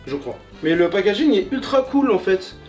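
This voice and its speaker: A man's voice: high-pitched, sing-song, moderate pace, darkish tone, soft background music. Hesitant man speaking from a distance. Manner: hesitant, full of fillers. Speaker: co-host. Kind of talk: casual chat.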